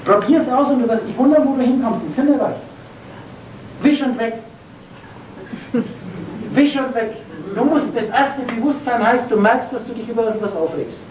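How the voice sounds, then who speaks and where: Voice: mid-range voice, normal speed, long pauses, darkish tone, highs cut off, a little hiss or hum. A spiritual lecturer giving a preachy talk to a seated audience, full of rhetorical questions and spelling out words letter by letter. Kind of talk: esoteric lecture to a live audience. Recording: roomy, distant from the mic, faint ambience.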